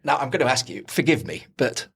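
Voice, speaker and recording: A man hosting a casual interview, relaxed and conversational, chuckling now and then. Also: medium pitch, a little fast, vocal fry, husky. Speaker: podcast host.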